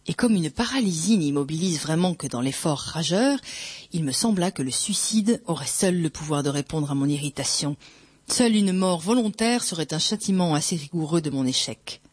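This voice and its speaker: Slow, measured literary narrator. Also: medium pitch, breathy edge, no room sound. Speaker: audiobook reader. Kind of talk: first-person literary narration.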